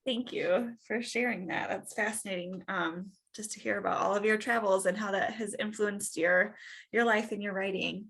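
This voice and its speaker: A woman hosting a book club interview over a video call, with a gravelly, fry-edged voice that is bright and forceful. She thanks the guest appreciatively and passes the floor smoothly. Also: mid-range voice, steady tone, moderate pace. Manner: warmly appreciative, smoothly handing over to the next reader. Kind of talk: moderating an interview.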